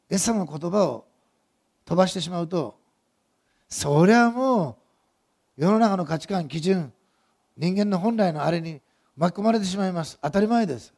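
A man's voice: high voice, gravelly, darkish tone. A male pastor preaching a sermon, telling the story vividly and asking the congregation questions as he goes.

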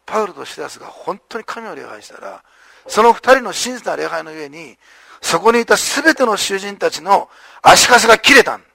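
A male pastor preaching a sermon with animated storytelling, acting out the lines of the people in the story. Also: sits high, a little fast, gravelly, dry recording.

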